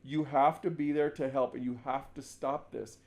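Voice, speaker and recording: Talking at normal speed with a medium pitch and fairly even intonation, a man coaches through basketball game film. He's conversational, often restarts what he's saying, and sometimes shouts out example calls.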